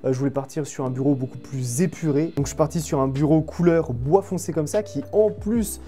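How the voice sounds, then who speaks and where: A woman's voice: low-pitched, a little fast, warm tone, soft background music. A woman in her late twenties, a streamer, giving a casual, chatty and self-mocking tour of her studio. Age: late 20s. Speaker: streamer and video creator. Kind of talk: casual setup tour vlog.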